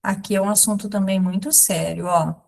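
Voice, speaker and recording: A woman in her thirties giving a catechism lesson, explaining slowly and simply with many pauses and everyday examples. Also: medium pitch, steady tone, creaky, a little mellow. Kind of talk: catechism lesson, spoken alongside sign language.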